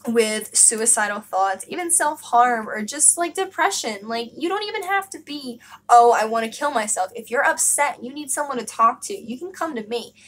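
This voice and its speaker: A woman's voice: sits high, animated, normal speed, few pauses, pushed and bright, poor audio. A young woman speaking candidly in a casual vlog, emphatic and full of fillers and swearing. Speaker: vlogger.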